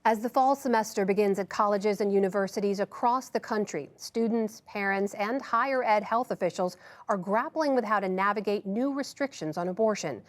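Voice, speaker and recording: A woman's voice: medium pitch, fairly quick. A woman narrating a scripted news report as correspondent.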